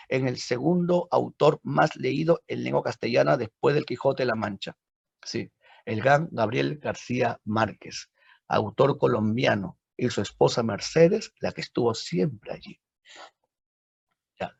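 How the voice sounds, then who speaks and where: A man's voice: fairly high pitch, vocal fry, husky, no echo. A man with a Peruvian accent, a literature teacher telling a story as a dramatic lecture, with frequent tag questions to his listeners. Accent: Peruvian Spanish. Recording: dull lo-fi recording.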